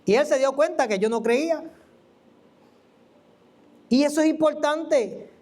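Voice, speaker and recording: A preacher gives an animated, conversational teaching sermon, asking the listener questions. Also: sits high, unhurried. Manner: animated, asks the listener questions and acts out quoted voices. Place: church.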